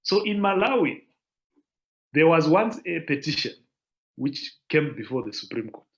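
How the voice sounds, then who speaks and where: A man presenting as a law panelist in an online panel, explaining points in a measured, lecturing way over a video call. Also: a little high, very animated, lo-fi sound.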